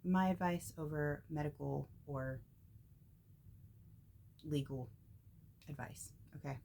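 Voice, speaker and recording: A woman hosting a spiritual message vlog, talking casually in a halting, tongue-tied way with many pauses and ums. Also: low-pitched, vocal fry, mellow, a little hiss or hum. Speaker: spiritual channel host.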